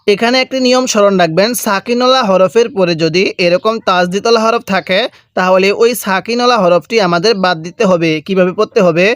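A man with a Bangladeshi Bengali accent teaches Quran reading. He spells out words slowly, syllable by syllable, between his explanations. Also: sits high, a bit bright, clear, resonant tone, no echo, studio quality. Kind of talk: slow spelled-out recitation lesson.

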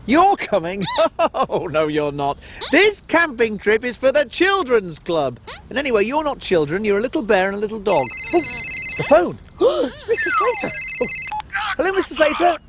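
Kids show host type, fussy excitable trip leader for children's TV comedy, very animated, noisy backdrop. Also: male voice, very high-pitched, normal speed, exaggerated voice. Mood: flustered, boastful. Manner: kids show host, exclaiming and mock-stern. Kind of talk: scripted children's comedy acting.

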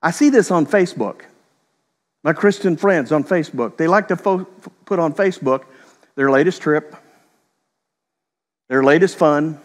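Middle-aged male pastor, reverberant sanctuary. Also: fairly high pitch. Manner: conversational storytelling with quick voiced quotes. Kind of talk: sermon.

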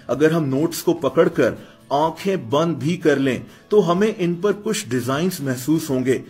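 A man's voice: fairly high pitch, a little mellow, slightly rough. A man narrating a scripted explainer voice-over, often calling the viewers his friends as he explains things step by step. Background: faint background music.

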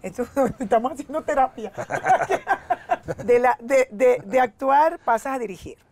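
Middle-aged female talk-show host, higher voice, chatty and inquisitive, seated on a studio set. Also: lively intonation, vocal fry, a little mellow. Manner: chatty, inquisitive, quick questions. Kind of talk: TV interview.

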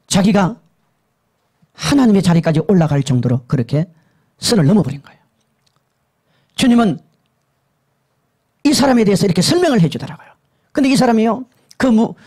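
A male pastor preaching a sermon that recounts a vision, emphatic and repetitive, dropping to hushed lows and rising to urgent highs. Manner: emphatic and repetitive, swinging between low hushed and high urgent tones.

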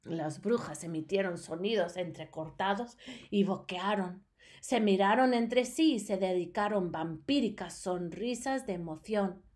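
Slow, expressive woman reading a story. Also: mid-range voice. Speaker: teacher. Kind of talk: storybook read-aloud for students.

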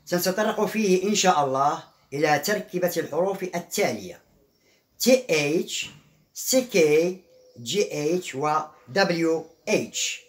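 A woman's voice: sits low, echoey room. A woman teaching a beginner language lesson at a board, patiently repeating each sound several times. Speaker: English teacher.

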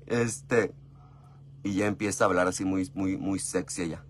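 Talking fast, a chatty male vlogger with a Mexican Spanish accent spins a casual story, gossiping and calling the listener "mi amor" again and again. His expressive voice swings sharply in pitch and volume, over a slight hiss or hum.

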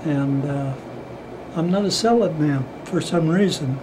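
Very old man, 90s, slightly high voice, halting conversational interviewee, noticeable background hum. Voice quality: very old man's voice. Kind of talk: casual interview. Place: indoors, small room.

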